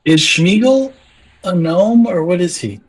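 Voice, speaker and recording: Husky-voiced male gaming buddy. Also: sits high, animated, a little slow. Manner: helpful, explains game mechanics, curious asides. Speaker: guildmate in voice chat. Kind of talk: casual gaming voice chat.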